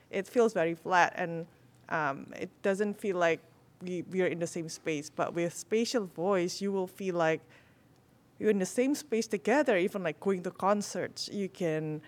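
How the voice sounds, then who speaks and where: A woman's voice: fairly low pitch, unhurried. Enthusiastic woman explaining a product. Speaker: product manager guest. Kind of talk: conversational panel discussion.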